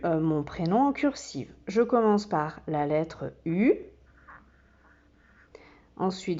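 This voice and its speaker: A woman who teaches kindergarten, giving a slow and patient step-by-step demonstration full of small fillers. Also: mid-range voice, warm tone, dull audio.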